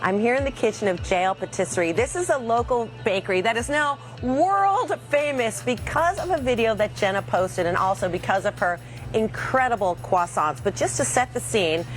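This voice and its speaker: Upbeat woman TV host, higher voice. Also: animated, moderate pace, faint music behind. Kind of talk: live on-location interview. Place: bakery kitchen.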